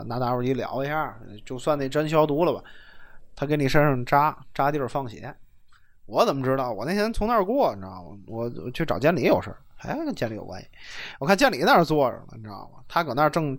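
A man telling casual anecdotes in a chat, animated and laughing, swinging between loud and soft with coarse slang. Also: mid-range voice. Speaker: storyteller host.

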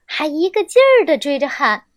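A young woman reading a children's story aloud, gentle and expressive, on a close mic. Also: high-pitched, normal speed, no echo.

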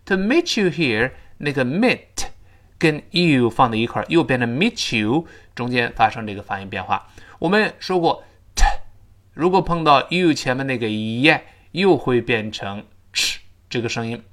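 An English teacher, explaining pronunciation and leading slow repeat-after-me drills. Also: medium pitch, expressive, a bit bright. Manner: slow, exaggerated modelling of English phrases between explanations.

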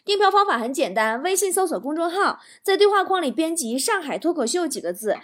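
Talk show host, female, high voice, chatty and teasing, laughs through her comic monologue. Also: very animated, a little fast, fairly bright tone. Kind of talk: comic monologue reading listener jokes.

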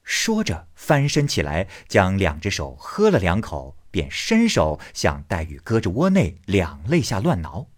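Male narrator, expressive storybook reading, very animated pitch. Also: unhurried, few pauses. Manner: expressive, lively voicing.

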